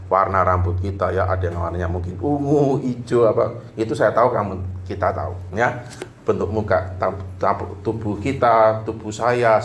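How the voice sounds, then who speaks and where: A man preaching a sermon in a casual, joking, conversational way. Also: fairly low pitch. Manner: jokey, conversational, acts out little dialogues. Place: church hall. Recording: echoey room, faint background noise.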